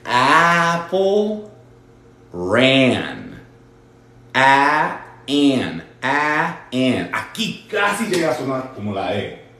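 A man teaching English in a livestream, switching between Spanish and English and stretching out words slowly to model sounds. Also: medium pitch, very animated, bright, forceful tone, roomy sound, a little hiss or hum. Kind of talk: bilingual livestream English lesson.

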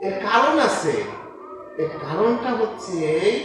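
High-voiced male preacher in an echoey hall. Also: animated, takes it slowly, music in the background. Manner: conversational, addresses listeners directly with rhetorical questions. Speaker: Islamic preacher. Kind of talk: informal Bengali sermon. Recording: echoey, distant mic with loud background noise.

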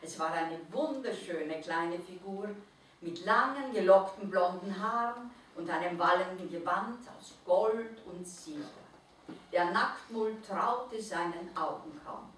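A woman reading a Christmas story aloud at an Advent reading, in an expressive storytelling manner. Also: on the low side, a little slow, a little hiss or hum. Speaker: reader. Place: reading event room. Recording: echoey room from far off.

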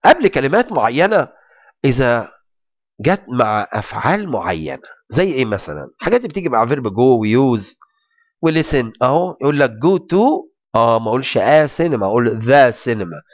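A male teacher with an Egyptian accent gives a grammar lesson, his pitch rising and falling in a lively way. He rattles off his explanations, then slows right down to read each English example clearly. The recording is close and dry, with no room echo. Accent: Egyptian Arabic. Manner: reads English examples slowly and deliberately between quick Arabic explanations.

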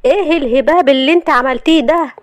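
A woman's voice: on the high side, lively intonation, a little fast, no echo, pitched above the performer's own voice, close to an everyday voice. A woman voicing a cold, threatening young husband in Egyptian Arabic.

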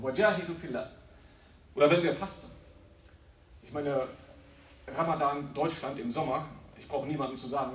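A man's voice: medium pitch, recorded from a distance, a little hiss or hum. Emphatic man preaching in an echoey hall. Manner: emphatic, rhetorical questions, explains Arabic words. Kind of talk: sermon. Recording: echoey room, voice from afar.

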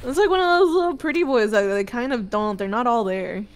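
A woman chatting casually with a friend during a game stream, rambling, animated and swearing freely. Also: fairly high pitch, brisk. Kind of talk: casual chat.

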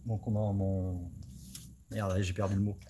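A man's voice: low voice, flat delivery, normal speed, noisy background. A man hosting a live stream, chatting casually, thinking aloud and talking straight to his viewers. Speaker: host of a live scale-modeling stream.

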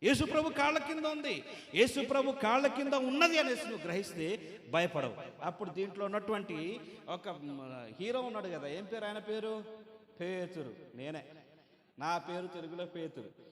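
A man preaching a sermon, calling on the congregation to answer and clap, swinging from soft storytelling to loud exclamations. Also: sits high, lively intonation, moderate pace. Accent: Telugu. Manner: call-and-response preaching, urging the crowd to answer and clap. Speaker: pastor. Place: large hall at a church gathering. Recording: echoey hall reverb.

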